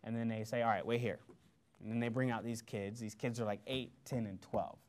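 A man from Missouri giving a motivational talk, telling a story with animated quoted voices. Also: mid-range voice, brisk. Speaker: guest speaker. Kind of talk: motivational speech. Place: lecture hall before an audience.

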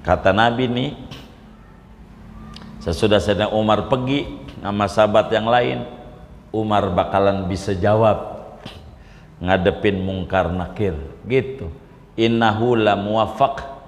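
A male preacher tells stories in a colloquial, unhurried sermon. His slow delivery rings through a large hall, with roomy echo and a long reverb tail. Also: on the low side, slight background noise. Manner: storytelling, colloquial, animated. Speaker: Islamic preacher. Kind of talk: informal sermon.

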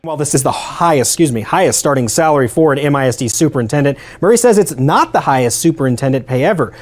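A young man delivering a scripted television news report in a medium-pitched voice. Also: darkish tone. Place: TV newsroom.

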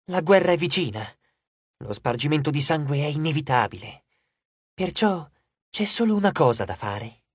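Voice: mid-range voice, sing-song, normal speed, breathy edge, dry recording. An audiobook narrator voicing a vain, glamorous goddess of love who talks in a gushing, condescending and theatrical way. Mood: sweetly ominous. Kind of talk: audiobook character voice.

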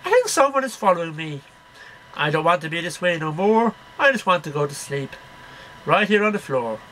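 A man's voice: fairly high pitch, big pitch swings, fairly quick, pushed and bright, slight background noise, poor audio. A middle-aged man reading poems aloud in a declamatory, sing-song way, one line at a time. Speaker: amateur poetry reader. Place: small cluttered bedroom. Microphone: webcam at about arm's length.

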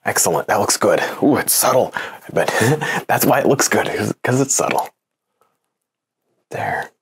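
A man's voice: fairly low pitch, breathy edge. A young man giving a casual painting lesson in a home studio, chatty and self-encouraging, laughing often as he works. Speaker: painting instructor.

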